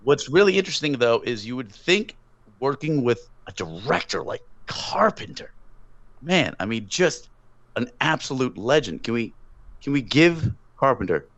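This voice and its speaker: A man hosting a podcast in loose, rambling chat, full of fillers and quick laughs. His mid-pitched voice comes through a slightly dull, dry recording with little room echo. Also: big pitch swings, a bit bright. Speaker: podcast host. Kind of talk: casual chat.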